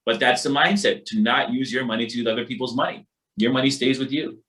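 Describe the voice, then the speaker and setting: Leading a financial literacy workshop, a Barbadian instructor is emphatic, colloquial, and motivational, returning to his catchphrases again and again. He talks fast at medium pitch, with fairly even intonation and a slightly bright tone.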